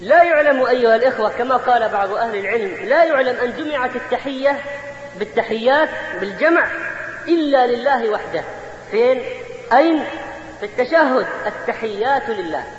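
A man's voice: very high-pitched, brisk. A male preacher giving a Friday sermon, speaking straight to the congregation and drawing out words for emphasis. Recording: echoey hall, muffled lo-fi sound.

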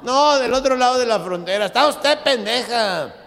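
A man's voice: very high-pitched, lively intonation, normal speed, gravelly, a bit bright, big-room sound, voice pushed up, heavily acted. Man doing a cursing grumpy old man. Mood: scornful. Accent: Mexican. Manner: scoffing, cursing. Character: grumpy old father, scornful and crude.

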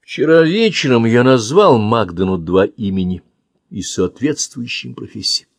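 A man's voice: mid-range voice, animated, normal speed, gravelly, no echo. A man narrating a novel in the first person with a tense, emotive delivery. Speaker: audiobook narrator.

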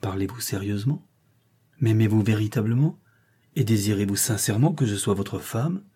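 A man's voice: lowish voice, moderate pace, mellow, slightly rough. A man reading the part of an earnest, doubting young governess in an audiobook.

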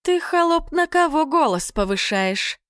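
A woman's voice: sits high, big pitch swings, unhurried, a bit bright, dry recording, clean studio sound, pitched above the performer's own voice, full character voice. Woman doing a haughty, icy young tsarevna. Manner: icy, imperious. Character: haughty young tsar's daughter, cold and scornful.

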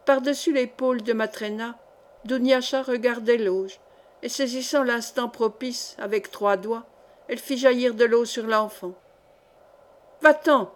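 A woman reading a literary short story aloud in a measured, steady narration. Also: a little high. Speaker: audiobook reader.

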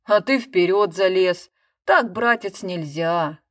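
A woman's voice: lowish voice, slow, no echo, clean studio sound. A woman voicing a blunt man in a small-town audience, scolding yet friendly.

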